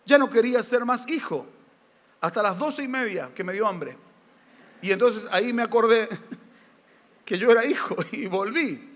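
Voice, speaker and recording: Argentine male pastor, middle-aged, high bright voice, emphatic sermon delivery, reverberant church hall. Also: expressive, unhurried, pauses often. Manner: emphatic, fires rhetorical questions at the congregation; folksy, tells humorous family anecdotes. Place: church sanctuary during a live service.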